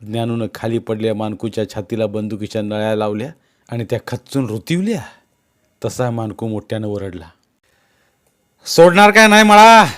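A man reading a novel aloud as an audiobook narrator, in measured storytelling. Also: lowish voice, mellow. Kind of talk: scripted narration.

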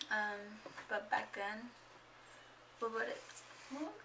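A woman's voice: on the high side, drawn-out words, recorded from a distance, background noise. A young woman in her twenties chatting casually in a get-to-know-me vlog at home, rambling and a bit awkward, full of fillers. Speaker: vlogger. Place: at home indoors. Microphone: camera microphone.

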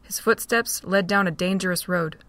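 A woman narrating an amateur audio drama with an even, steady reading. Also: on the low side, moderate pace, dry recording.

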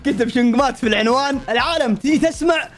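A man's voice: very fast, soft background music. A man in his twenties with a Saudi accent, reacting to videos about himself in casual, jokey commentary. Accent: Saudi Arabic. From Saudi Arabia. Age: 20s. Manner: excitable, jokey, swings between high and low tones.

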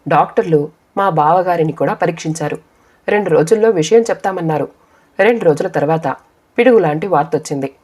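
Low-voiced woman narrating a first-person story. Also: brisk, a little mellow, slightly rough. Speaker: audiobook narrator.

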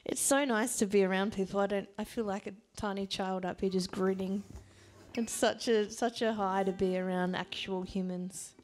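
A woman's voice: mid-range voice, fairly even intonation, moderate pace, darkish tone. A woman in her thirties with an Australian accent, chatting casually and self-deprecatingly between songs on a small barn stage, into a stand mic. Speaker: singer-songwriter. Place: small rustic barn venue with a live audience. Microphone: vocal mic on a stand.

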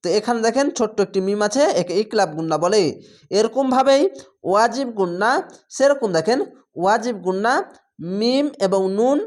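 Patient male Quran reading teacher. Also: sits high. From Bangladesh. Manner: patient, spells each letter and vowel before blending the word; drawn-out chanting on Arabic words. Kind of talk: slow spelled-out Quran reading lesson.

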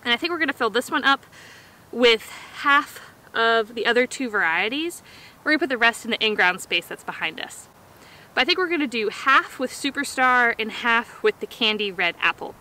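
A woman in her thirties, her voice on the high side, pushed and bright, talks at normal speed with lively intonation while hosting an outdoor gardening vlog. Her manner is casual and explanatory as she works. The rough recording clearly picks up outdoor noise.

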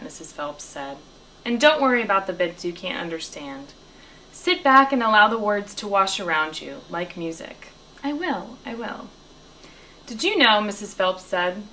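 A woman's voice: slight background noise, poor audio. Woman reading a children's story aloud. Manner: lively storytelling, lifting her pitch for dialogue. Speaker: reader.

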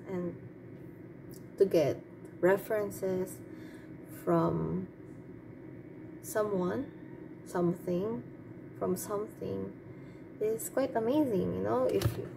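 A woman giving her opinions in a casual, off-the-cuff monologue, hesitant and rambling as she thinks aloud. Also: medium pitch. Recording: clearly noisy background.

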